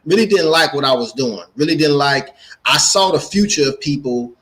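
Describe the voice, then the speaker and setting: A forty-nine-year-old American man from Gary, Indiana, an entrepreneur and speaker, tells his story casually as an interview guest. His voice sits a little high and is expressive and a bit bright, moving at a moderate pace. He repeats phrases for emphasis.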